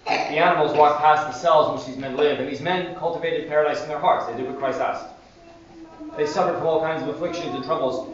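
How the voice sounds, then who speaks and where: Fast-talking priest in an echoey church. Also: male voice, fairly high pitch. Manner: animated storytelling. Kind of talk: sermon. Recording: distant echoey church, dull sound.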